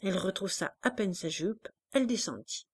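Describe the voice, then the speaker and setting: A woman reading a classic novel aloud as narrator, with expressive, dramatic storytelling. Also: medium pitch, moderate pace, breathy edge.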